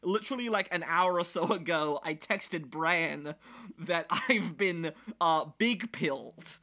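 A man hosting a podcast, chatting casually in an animated, jokey way. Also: fairly high pitch. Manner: animated, jokey, quick asides. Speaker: podcast host.

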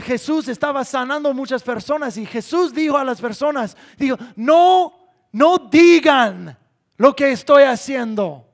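A man preaching a sermon in an earnest way, often dropping to a soft voice for emphasis. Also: extremely high pitch.

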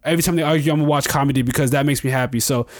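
A man's voice: mid-range voice, steady tone, racing. A man on a discussion panel giving his opinion casually, in an earnest, explanatory way.

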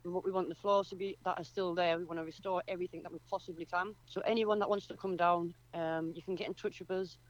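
A woman's voice: on the low side, steady tone, fast, hardly any pauses, lo-fi sound. A woman from northeast England with a Durham accent, explaining things earnestly as a guest in a conversational radio interview. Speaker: community project representative, radio guest.

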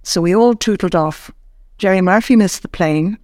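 An older woman from Ireland, a former ombudsman, recounting her career in an interview with measured, halting phrasing and many restarts. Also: on the low side, a little mellow, no room sound, studio quality. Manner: measured, searching for words with frequent restarts. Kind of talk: reflective interview storytelling.

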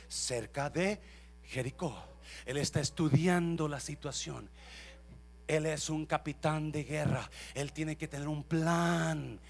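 Pastor preaching, gravelly voice, goes from yelling to soft, mixes english in. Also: male voice, on the high side, slight background noise. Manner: impassioned, swings from shouting to soft talk, repeats phrases. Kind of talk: sermon.

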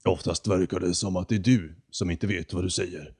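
A man voicing an arrogant male talking condor in a storybook reading, with a deep, hoarse voice and a slow, haughty, lecturing manner. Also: fairly even intonation, darkish tone.

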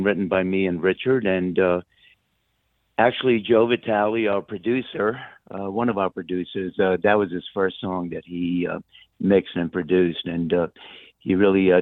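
Heard over a narrow-band phone guest line, this American musician has a low-pitched voice and no room sound. His casual interview chat is informal, rambling, and hesitant.

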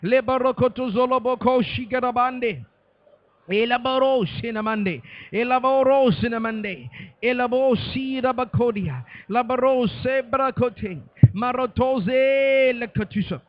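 A man's voice: extremely high pitch, a little slow, no room sound, highs cut off. A man leading fervent prayer, chanting repeated phrases in a rhythmic cadence and speaking in tongues. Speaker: prayer leader.

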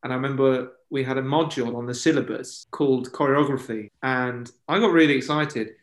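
A man's voice: mid-range voice, fairly quick. A man, co-hosting a casual podcast chat and telling jokey, self-deprecating stories. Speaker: podcast co-host. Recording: echoey room.

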